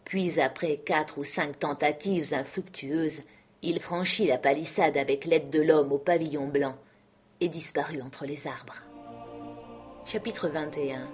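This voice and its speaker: A woman narrating an audiobook in a quiet, measured storytelling manner. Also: low-pitched, steady tone, soft background music. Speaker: audiobook reader. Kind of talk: scripted narration.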